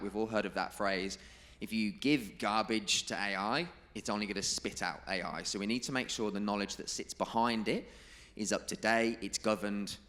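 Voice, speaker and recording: Male conference speaker, lowish voice, presenting to a room with emphatic, deliberate stress. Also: fairly bright tone. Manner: emphatic, repeats key figures and quotes slowly. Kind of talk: presentation to a live audience.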